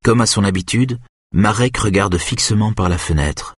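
A man narrating an audiobook in a steady, measured reading. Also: on the low side, husky, dry recording, clean studio sound.

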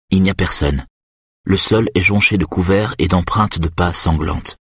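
Male narrator, husky, lowish voice, dry studio sound, steady thriller reading. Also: no echo. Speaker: audiobook narrator.

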